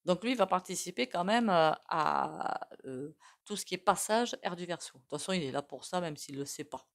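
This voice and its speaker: A woman's voice: fairly low pitch, lively intonation, normal speed, vocal fry. A woman with an accent reading tarot cards in a casual spoken way, full of fillers and asides. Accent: non-standard French accent. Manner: chatty, many fillers and asides. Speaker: tarot reader.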